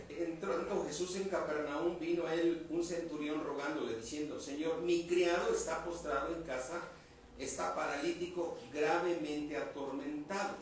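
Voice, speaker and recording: A man's voice: fairly high pitch, slight background noise. Distant, echoey male pastor preaching. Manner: asks the congregation questions and repeats key words. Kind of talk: sermon. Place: church hall.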